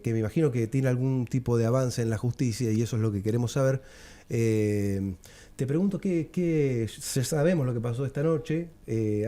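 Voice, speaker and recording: A man's voice: mid-range voice, mellow. A man hosting a television interview, hesitant with frequent fillers.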